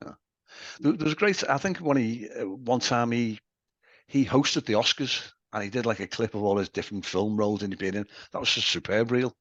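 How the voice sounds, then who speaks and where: A man hosting a casual interview, agreeable and quick with yeah-yeah replies. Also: medium pitch, fairly bright tone, dry recording. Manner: agreeable, frequent yeah-yeah backchannels. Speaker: interview host. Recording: dry, dull lo-fi sound.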